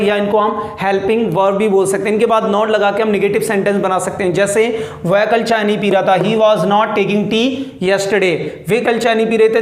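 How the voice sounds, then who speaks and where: A man teaching spoken English who asks questions and answers them himself, and slows right down when he says example sentences. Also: high-pitched. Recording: echoey room.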